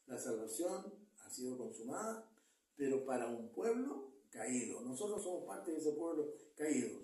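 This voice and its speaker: A man's voice: medium pitch, big pitch swings, normal speed, mellow. A man, a pastor, preaching an earnest sermon and checking in with the congregation. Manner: earnest, repeats words, asks the congregation "¿ya?". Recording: echoey church hall, mic far off.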